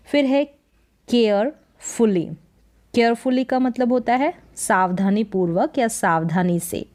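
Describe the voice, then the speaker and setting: A woman's voice: mid-range voice, darkish tone. A woman teaching English reading in Hindi, going word by word, repeating each word and explaining its meaning patiently. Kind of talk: slow step-by-step reading lesson.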